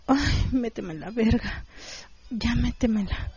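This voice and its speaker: A breathless, pleading young woman in an adult audio story, as a woman reader puts her on. Her voice rides high and strained, and the recording is close, dry and somewhat muffled. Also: slow pace, darkish tone, husky, dry recording, heavily acted.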